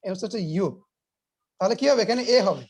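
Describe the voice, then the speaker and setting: A man's voice: high voice, animated, fast, a little mellow. A man teaching English grammar in an online class, explaining patiently, repeating his points, quizzing students and mixing English words into his talk.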